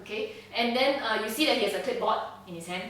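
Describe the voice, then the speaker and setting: A woman's voice: on the high side, quick pace, a bit bright, a little hiss or hum. Woman running a tabletop game. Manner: casual, chatty, frequent laughs and "okay?" checks. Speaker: game master. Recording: roomy echo, distant mic.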